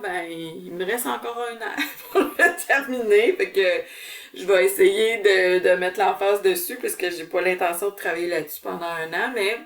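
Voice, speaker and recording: A woman's voice: medium pitch, distant mic. Chatty Québécois woman, a bit off-mic. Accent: Québécois French. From Quebec, Canada. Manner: chatty, many fillers and restarts. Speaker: cross-stitch channel host. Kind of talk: casual show-and-tell vlog.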